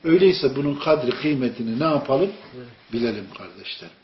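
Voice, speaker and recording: In an animated mid-range voice, a man preaches fairly quickly and informally to a small group, weaving in stories and questions for his listeners. Slight background noise sits under the dull, lo-fi sound of an echoey room.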